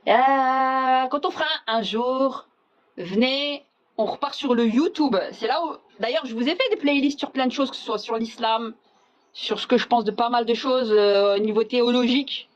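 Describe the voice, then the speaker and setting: A woman's voice: fairly high pitch, moderate pace, muffled recording. A woman hosting a casual live chat, talking bluntly and sarcastically, dropping Arabic phrases into her speech. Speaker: livestream host.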